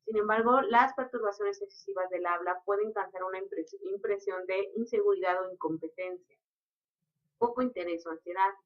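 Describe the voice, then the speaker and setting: A woman explains her points in an unhurried, teaching manner. Her voice sits in the middle range for a woman. The recording is dull and lo-fi. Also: medium pitch. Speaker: lecturer. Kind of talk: recorded lecture.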